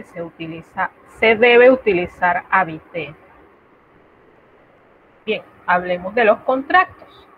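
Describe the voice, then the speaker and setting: In a recorded online class, a woman with a mid-range voice teaches French, patiently walking through each step and carefully pronouncing every example. The audio is tinny and lo-fi, like a phone, with slight background noise.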